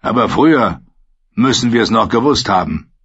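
A man voicing a gruff, stern old commander who barks his orders, in an audiobook reading. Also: on the low side, expressive, normal speed, a bit bright, highs cut off. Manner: gruff, barking.

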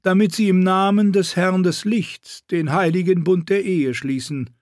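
Male reader as a disdainful queen, high, prim, cutting. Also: fairly even intonation, unhurried, no echo, studio quality. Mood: haughty. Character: cold, haughty middle-aged queen.

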